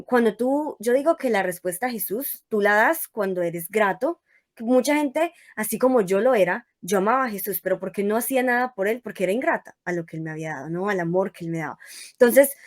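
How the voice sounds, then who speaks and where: A young woman, a guest on an interview show, tells her faith testimony in a casual, conversational way and acts out her own past words as she goes. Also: mid-range voice.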